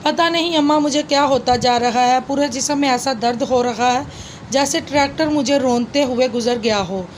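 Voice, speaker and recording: A woman's voice: high voice, moderate pace, a little hiss or hum, close to an everyday voice. Woman reading as a weak, tearful young wife. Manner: pleading, tearful.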